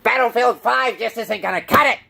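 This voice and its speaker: A man's voice: a little fast, vocal fry, sharp tone, exaggerated voice. A man voicing a whiny adult gamer who shrilly demands things from his mother. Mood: whiny demanding. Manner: shrill, demanding, petulant whining.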